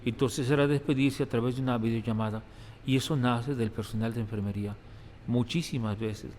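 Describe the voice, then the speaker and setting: A man's voice: medium pitch, steady tone, brisk, a little mellow. A Mexican priest and hospital chaplain telling stories of his work in an interview, often repeating words as he thinks. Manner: reflective storytelling, repeats words. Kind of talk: interview testimony. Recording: reverberant room, faint background noise.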